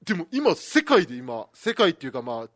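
A man co-hosting a casual radio chat, animated and full of fillers and laughs. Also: fairly high pitch, a little fast. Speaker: radio show co-host.

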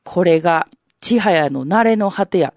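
A woman's voice: lowish voice, lively intonation, unhurried, darkish tone, no echo, pitched below the performer's own voice. Brief: bluffing Kansai elder in rakugo, played by a woman, condescending storyteller, close and dry. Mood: storytelling. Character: know-it-all older Kansai man bluffing an explanation.

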